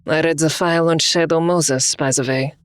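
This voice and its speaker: A man's voice: a little high, a little slow, no echo, studio quality, lightly acted. A man voicing a venomous woman soldier in a put-on Russian accent, bitter and sarcastic.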